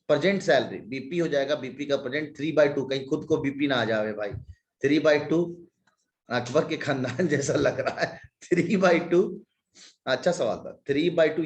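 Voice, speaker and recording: A man with a mid-range voice teaches a maths class online, working through sums aloud step by step and tossing in joking asides. He sounds slightly stuffy from a cold, and the recording is reverberant.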